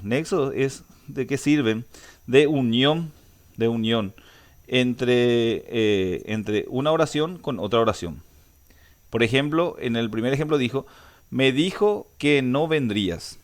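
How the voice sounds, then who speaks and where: A male teacher, giving a recorded grammar lesson and explaining step by step with frequent "eh" fillers and restarts. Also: mid-range voice.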